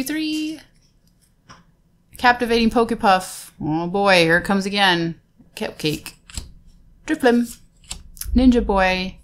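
Slow-talking woman opening card packs. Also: mid-range voice, a little hiss or hum. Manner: chatty, names each card aloud, laughs easily. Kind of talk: casual unboxing chat.

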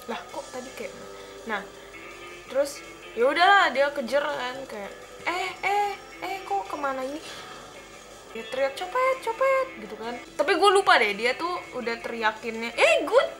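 A young woman from the Jakarta area telling a rambling story while playing a game, often breaking off to react loudly to what happens on screen. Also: high-pitched. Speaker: gameplay commentator. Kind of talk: casual gameplay commentary and storytelling.

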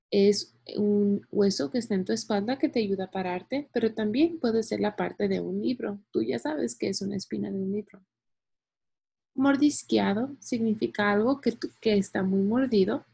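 A woman reading a children's book aloud like a teacher. She explains words gently and speaks directly to the young listeners. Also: medium pitch, gravelly, breathy edge.

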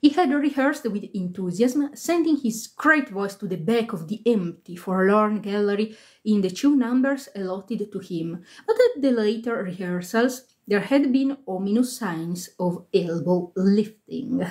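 A woman's voice: medium pitch, expressive, measured pace, a little mellow. A woman reading a ghost story aloud on a live stream, with small slips and casual asides to her viewers. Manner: reads aloud with occasional slips, laughs and comments. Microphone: phone.

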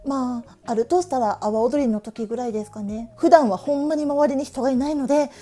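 A stationery vlogger from Tokushima, Japan, a woman in her late thirties with an Awa-dialect accent, chats cheerfully and casually to the camera, laughing often. Her voice sits high, a little fast, with a warm tone.

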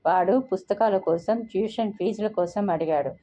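A woman's voice: medium pitch, normal speed, dark tone, lightly acted. Woman doing a stern, weary elder sister. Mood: stern exasperated. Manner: firm, exasperated. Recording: dull lo-fi recording.

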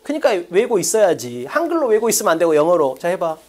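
A woman lecturer teaching an online exam-prep class in a brisk, drilling manner, asking quick check-questions and dropping chatty asides. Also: fairly low pitch, very animated, darkish tone. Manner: casual, chatty asides with laughs.

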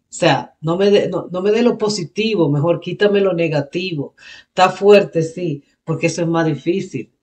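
A woman's voice: on the low side, normal speed, darkish tone. Bilingual woman reacting to rap. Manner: switches between Spanish and English, explaining lyrics; thinks aloud, restarts and self-corrects. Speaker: reaction video host. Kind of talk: casual reaction commentary.

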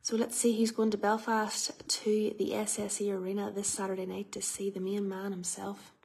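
Husky woman calling numbers like a bingo caller. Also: medium pitch, monotone, a little mellow. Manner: chatty, calls out numbers slowly with repetition. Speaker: prize draw host. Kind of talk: bingo-caller style live prize draw commentary.

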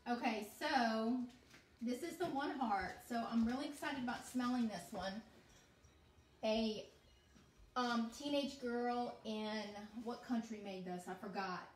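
A woman chatting excitedly as she unboxes products on a livestream, recorded on a phone from across a home kitchen. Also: a little high, slow, a little hiss or hum. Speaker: host of an essential oils unboxing. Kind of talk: casual unboxing chat on a livestream. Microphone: phone camera across the counter. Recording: echoey kitchen, heard from a distance.

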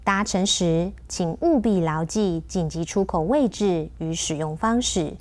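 A woman with a Taiwanese Mandarin accent narrating in the scripted style of a flight safety demo, measured and instructional. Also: lowish voice. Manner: clear, measured instructional delivery.

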